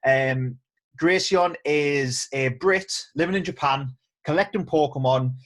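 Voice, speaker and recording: A man's voice: fairly high pitch, unhurried, a bit bright. A man, hosting a casual interview, chatty with frequent ums and restarts. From England. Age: 30s. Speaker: host. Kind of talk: casual video-call interview.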